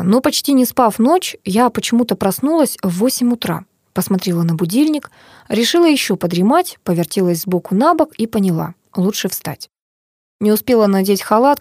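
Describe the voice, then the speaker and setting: A woman reading a first-person novel aloud as an audiobook narrator, calm and measured. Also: medium pitch, no echo, studio quality.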